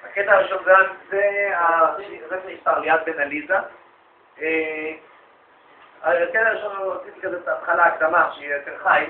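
A man giving a storytelling religious lecture to an audience, lively and anecdotal, acting out the dialogue he quotes. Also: on the high side, a little hiss or hum. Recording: echoey, phone-like lo-fi recording.

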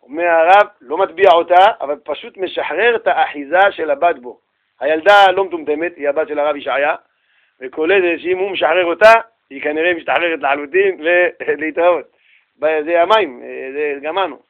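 High-voiced man telling a lively religious story. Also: narrow, tinny audio. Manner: animated, slangy, chatty with listeners, acting out quoted voices. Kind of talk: casual religious talk with storytelling.

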